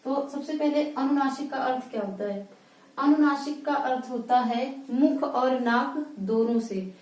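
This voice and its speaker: A woman teaches a grammar lesson at a whiteboard, drawing out and repeating each word as she writes. Her voice is soft and mellow, a little high. She is some way from the mic in an echoey room. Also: distant mic. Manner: slow, repeats words while writing. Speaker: Hindi teacher.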